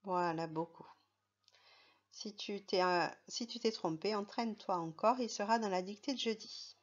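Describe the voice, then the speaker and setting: A woman's voice: mid-range voice, moderate pace, muffled recording. A woman teaching a reading lesson to young children, patient and careful, spelling words out letter by letter. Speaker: primary school teacher.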